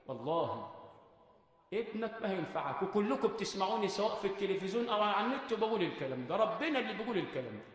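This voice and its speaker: A man with an Egyptian Arabic accent preaching a sermon. He repeats rhetorical questions, moves between quiet talk and shouting, and chants verses slowly. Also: high voice, very animated. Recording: very echoey hall.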